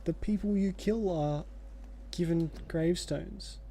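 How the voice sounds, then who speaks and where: A man's voice: sits high, slow, creaky, mellow. A man giving casual let's play commentary in a rambling, reflective way. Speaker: video game streamer. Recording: faint background noise and game ambience.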